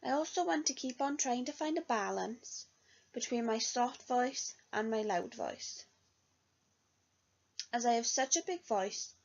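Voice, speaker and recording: A gravelly, fairly high-pitched voice belongs to a young music student reading aloud an earnest reflection on her year of singing study. Sound quality is dull and lo-fi.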